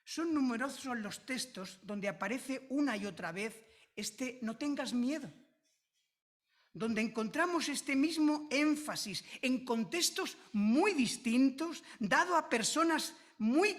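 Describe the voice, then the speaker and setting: A woman from preaching a sermon, slow and emphatic, repeating key phrases with drawn-out stress. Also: high voice, animated.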